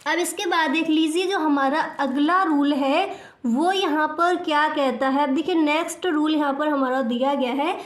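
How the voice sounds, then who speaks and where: At a moderate pace, a high-pitched woman explains English grammar in an echoey room. She patiently asks her students questions, then answers them on her own.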